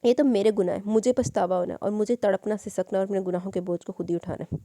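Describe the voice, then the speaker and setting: A woman's voice: medium pitch, quick pace, warm tone, dry recording, clean studio sound, lightly acted. A woman voicing a guilt-ridden, grieving older man in an audiobook, speaking in a sorrowful, pleading way.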